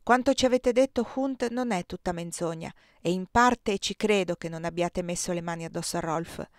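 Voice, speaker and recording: A woman's voice: fairly low pitch, normal speed, dry recording, studio quality, natural voice. A woman reading the lines of a proud, grieving young woman in an audiobook. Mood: scornful.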